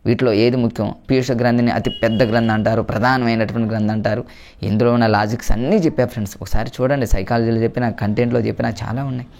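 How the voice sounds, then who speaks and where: Fast-talking man teaching exam tricks. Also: medium pitch, a little mellow. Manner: chatty, keeps addressing viewers as friends. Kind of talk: exam-prep lesson with memory tricks.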